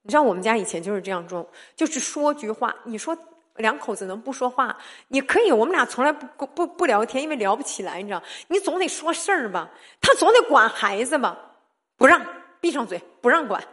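A woman giving a sermon-style testimony, animated and often laughing, who keeps putting rhetorical questions to her listeners. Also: on the high side, fairly quick. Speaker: church speaker sharing testimony.

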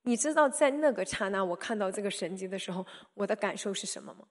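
A woman preaching a sermon, telling stories in an animated, emphatic way with sudden loud peaks. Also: mid-range voice, fast talker.

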